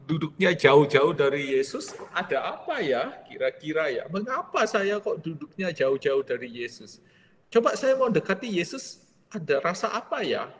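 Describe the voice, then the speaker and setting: A man in his forties, a priest leading a retreat, telling a personal story in a lively way and tagging his sentences with "ya". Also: fairly high pitch, big-room sound, slight background noise.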